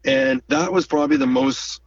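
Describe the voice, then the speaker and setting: A man's voice: mid-range voice, moderate pace, creaky. A man, a drummer being interviewed, telling stories casually and animatedly, acting out the voices of people he quotes. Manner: animated storyteller who acts out quoted voices and hums drum rhythms. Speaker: guest drummer. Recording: distant dull lo-fi mic.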